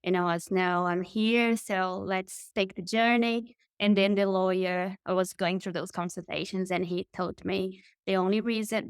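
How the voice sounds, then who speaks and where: A Brazilian marketing consultant in her thirties, with a Brazilian Portuguese accent, tells her story as an interview guest, enthusiastic and often restarting. Her voice is lowish, and the recording is dry.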